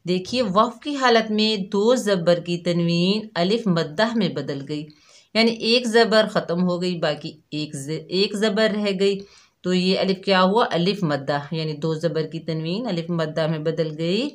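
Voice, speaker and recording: A woman teaching Quran recitation, patiently spelling out each syllable and repeating it. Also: on the low side. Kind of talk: slow step-by-step recitation lesson.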